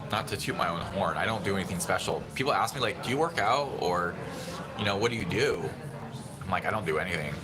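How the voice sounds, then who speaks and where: A man in his thirties, hosting a casual phone livestream, rambling in a relaxed way and answering viewer chat. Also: low-pitched, fast talker. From San Diego, USA. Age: 30s. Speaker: livestream host. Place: busy restaurant indoors. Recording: phone audio with busy restaurant chatter. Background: restaurant crowd chatter.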